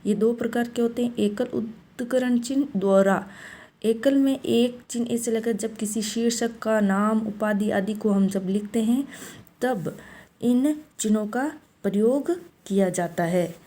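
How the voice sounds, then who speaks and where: A woman giving a classroom-style grammar lesson, explaining step by step and slowing down to read out example sentences. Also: a little high, mellow. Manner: explains step by step, often saying "look". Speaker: teacher.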